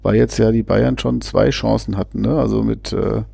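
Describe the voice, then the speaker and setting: Man, casual football commentary, gravelly, husky, hesitant restarts. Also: fairly low pitch, fairly even intonation, normal speed, dark tone, no room sound. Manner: chatty, hesitant, many restarts. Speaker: fan co-commentator.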